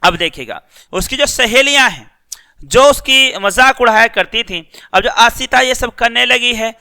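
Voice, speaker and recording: Bright high-voiced male teacher explaining a lesson. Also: a little slow, clear, resonant tone. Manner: reads story passages, then explains them in simple words. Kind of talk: reading and explaining a school lesson.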